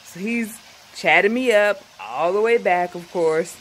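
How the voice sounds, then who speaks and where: A woman telling a personal travel story in a casual, animated way, acting out the people she meets. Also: medium pitch, a little slow, slight background noise, low-quality recording.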